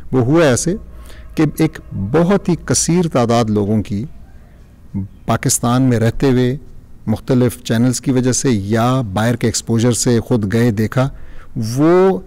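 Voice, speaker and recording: Mellow-voiced man from Pakistan. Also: mid-range voice. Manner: reflective, mixes English phrases into his speech. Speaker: guest speaker on parenting. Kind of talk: earnest podcast discussion.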